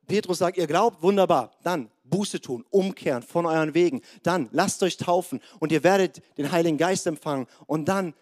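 High-voiced preacher, lively and chatty. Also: male voice, normal speed, hardly any pauses. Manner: lively, conversational, acts out biblical voices. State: strained voice this morning. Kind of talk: sermon.

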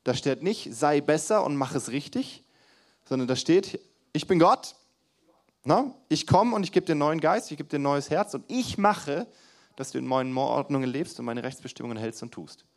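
A young man preaching a sermon to a congregation in a church hall, lively, with loud emphasis and quiet asides, asking the room questions. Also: a little high, moderate pace.

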